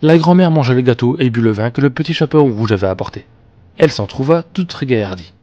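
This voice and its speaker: A man reading classic fairy tales aloud as a storyteller, with expressive, animated narration. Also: mid-range voice, fast talker, highs cut off. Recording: long reverb, faint background music.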